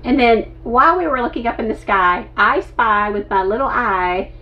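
A woman in her fifties co-hosting a casual RV travel vlog from inside the camper, bubbly and prone to excited squeals. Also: a little high, moderate pace. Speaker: RV vlog co-host. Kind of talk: casual chat. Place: inside an RV, seated at table. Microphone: camera a few feet away. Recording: slightly distant, dull sound.

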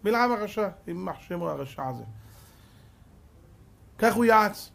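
A man giving a rabbi's sermon, telling stories dramatically and swinging between loud emphasis and hushed tones, with repeated rhetorical questions. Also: high-pitched, expressive, vocal fry. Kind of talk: Torah sermon with storytelling.

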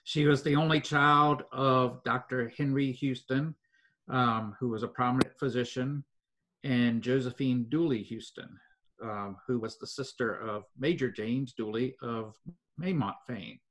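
A man's voice: medium pitch, fairly even intonation, fairly bright tone. Older man recounting local history. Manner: measured storytelling with frequent fillers. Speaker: foundation president, guest. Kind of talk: conversational history interview.

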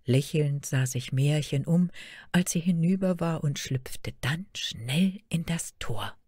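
A woman reading a fairy tale aloud as a storyteller, measured and expressive. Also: deep voice, slightly rough, no room sound, studio quality.

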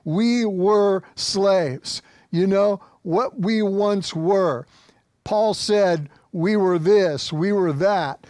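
Preaching very slowly, this American man in his fifties delivers a sermon to an online congregation, driving his points home through emphatic repetition. He speaks from a small indoor church studio set in a high, slightly mellow voice, recorded without echo.

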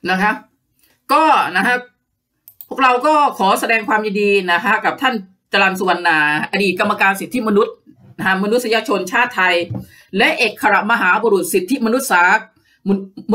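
A woman rails sarcastically through her political commentary, padding every phrase with polite particles. Her tone is bright and forceful. She sits some way back from the microphone. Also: mid-range voice, moderate pace, distant mic. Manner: sarcastic, scornful, sprinkles polite particles constantly. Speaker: host of a political commentary page.

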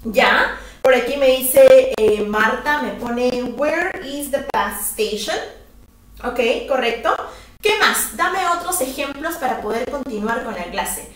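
A woman teaching a lively, chatty language lesson, encouraging her viewers and reading their comments as she goes. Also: high-pitched, a little slow. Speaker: English teacher. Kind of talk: live-streamed language lesson. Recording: echoey room, voice far from the mic.

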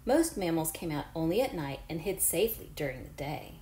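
A teacher in her forties, with a deep, mellow voice that swings widely in pitch and runs a little fast, reads a picture book aloud to young children. She's encouraging, chatty in her asides, and asks the unseen children questions. The room is echoey, the background faintly noisy.

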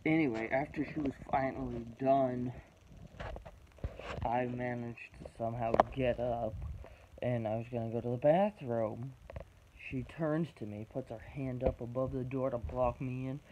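A man in his twenties telling a personal story, blunt and halting, swearing often, with strong emotion. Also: fairly even intonation. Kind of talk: personal testimony to camera. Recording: dull low-fi recording with background noise.

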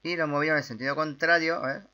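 A young man with a Spain Spanish accent gives casual gameplay commentary, often breaking into excited yelps and strings of repeated words. His voice sits a bit high for a man and sounds very bright and sharp. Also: rapid-fire, muffled recording. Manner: chatty, excitable, with sudden loud outbursts and repeated words. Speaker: gaming YouTuber.

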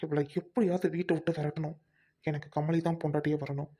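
A man playing a scheming greedy doctor, flat and dark. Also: fairly high pitch, fast, slight background noise, close to an everyday voice. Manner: plotting asides, muttered. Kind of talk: amateur Tamil family drama acting.

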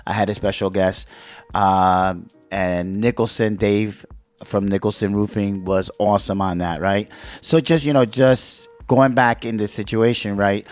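A man hosting a casual podcast from a small studio, lively and tagging his sentences with "right?". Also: lowish voice, a little slow, faint music behind. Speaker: podcast host.

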